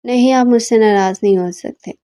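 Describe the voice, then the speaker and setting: A woman's voice: fairly high pitch, dark tone, close to an everyday voice. A woman reading the lines of a young wife who pouts, scolds and pleads, in her own voice. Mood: pleading. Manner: pouting, pleading. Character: sulky, pouting young wife.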